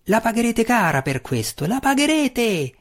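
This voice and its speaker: A man voicing a frantic male human wizard in an audiobook, shrieking his lines high and drawn out. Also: sing-song, normal speed, exaggerated voice. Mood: furious.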